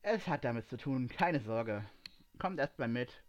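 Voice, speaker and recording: A man voicing a calm, plain-spoken young man who works at a shipyard, in a storybook reading. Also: mid-range voice, measured pace, lo-fi sound, natural voice.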